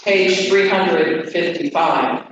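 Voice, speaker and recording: A high-voiced man recites church prayers slowly, in a measured and formal way. His voice rings with cathedral echo and a long reverb tail, picked up from far off in a large church. The recording sounds dull and carries clear background noise. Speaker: worship leader. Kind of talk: leading a church liturgy. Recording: echoey church hall from far off, dull, noisy.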